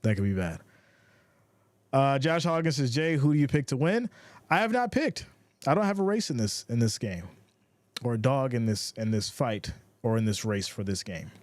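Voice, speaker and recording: A man calls a football game for his livestream audience, reading out viewer comments between plays in an easygoing way. His voice sits in an ordinary middle pitch. The sound is close and dry, with no room around it. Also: lively intonation, normal speed, dry recording. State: has the hiccups. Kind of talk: casual play-by-play and chat reading.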